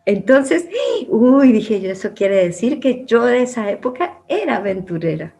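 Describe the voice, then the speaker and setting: A middle-aged woman, a former producer and journalist, tells her life story as an interview guest in a voice on the high side, animated and a little slow. She's reflective and conversational, with soft laughs and some phrases trailing off quietly.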